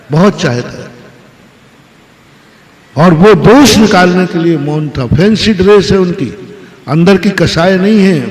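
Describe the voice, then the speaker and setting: A Jain monk giving a sermon, telling stories and acting out the voices of the people in them. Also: male voice, high voice. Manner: storytelling, acts out dialogue voices. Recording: echoey hall with long reverb.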